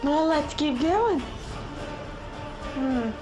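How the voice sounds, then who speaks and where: A woman reading a novel aloud with chatty asides, hoarse from losing her voice and often clearing her throat. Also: high voice, expressive, extremely slow, over loud music, rough recording. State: hoarse, recovering voice. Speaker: audiobook reader. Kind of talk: casual book reading with asides.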